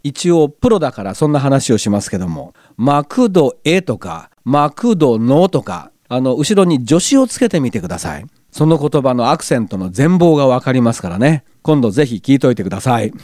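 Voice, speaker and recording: Lively middle-aged male radio host. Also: medium pitch, brisk, hardly any pauses, no room sound, studio quality. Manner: lively, explanatory, knowledgeable about speech and accents. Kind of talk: chatty local radio talk reading listener mail.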